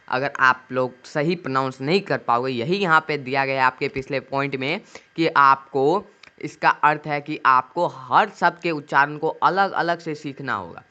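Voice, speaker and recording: A man's voice: high-pitched, sharp tone. A male teacher, giving an English pronunciation lesson. He asks a question about each key word and answers it himself. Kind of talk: classroom-style video lesson.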